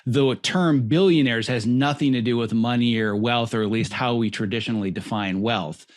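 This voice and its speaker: A man hosting an interview podcast, giving an effusive, lively introduction of his guests. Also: mid-range voice, normal speed. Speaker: podcast host.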